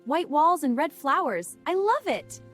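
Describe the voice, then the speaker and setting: A woman playing an excited young tourist, narrating a beginner English lesson with very slow talking in short simple sentences. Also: high-pitched, faint music behind. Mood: calm wonder.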